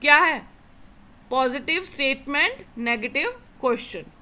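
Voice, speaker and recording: Bright-voiced Indian woman teaching grammar. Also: high voice, animated. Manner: reads English rules slowly, then explains them quickly in Hindi. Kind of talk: classroom lesson explaining grammar.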